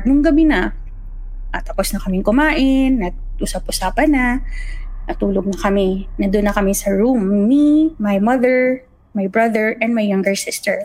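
A woman's voice: mid-range voice, rough recording. A young adult woman telling a personal ghost story in casual chat, acting out the voices she quotes. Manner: animated, acts out quoted voices.

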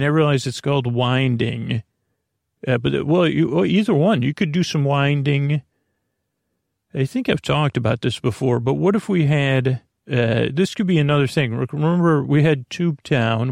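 A podcast host delivers a meandering bedtime monologue in a gravelly, creaky voice at ordinary male pitch with a darkish tone. He halts, repeats words and loses the thread before circling back, in a very dry recording with no room sound or echo.

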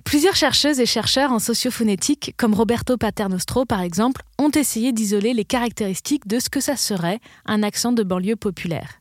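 A woman hosting the show with a scripted, explanatory narration. Her voice sits a little high, and the sound is dry and close with no room echo. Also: brisk, hardly any pauses. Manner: questioning, explanatory. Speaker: host.

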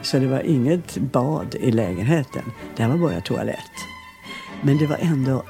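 A woman's voice: extremely low pitch, vocal fry, faint music behind. An older woman from southern Sweden, a singer being interviewed, telling chatty, rambling anecdotes. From Skåne, southern Sweden. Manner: chatty, lively anecdotes, rambles and laughs easily. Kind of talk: casual storytelling.

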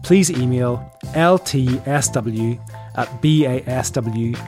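A man's voice: medium pitch, slow, darkish tone, faint music behind. A man with a Belfast accent, hosting a conversational interview podcast and putting questions to guests. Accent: Northern Irish, Belfast. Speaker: podcast host.

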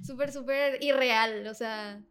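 A young woman telling a story as an interview guest, animated, laughing often and full of fillers. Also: fairly high pitch, takes it slowly, noisy background. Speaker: guest singer. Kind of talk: casual storytelling.

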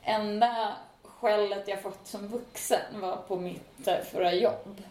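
A woman's voice: medium pitch, fairly even intonation, darkish tone. A young woman in her twenties chatting casually as a podcast co-host, telling stories animatedly and acting out quoted dialogue. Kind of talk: casual chat. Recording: echoey room.

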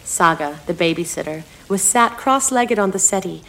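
A woman's voice: medium pitch, lively intonation, moderate pace, a bit bright. Woman reading her own story aloud.

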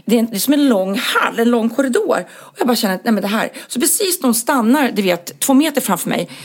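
A woman telling a comic, self-mocking story in casual chat, lively and full of fillers. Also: fairly high pitch. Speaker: podcast co-host telling stories.

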